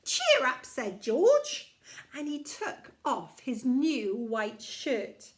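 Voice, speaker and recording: A woman's voice: high voice, sing-song, very slow, a little mellow. A woman hosting a children's storytime like a kids show host, reading and chatting to children in a sing-song, encouraging way.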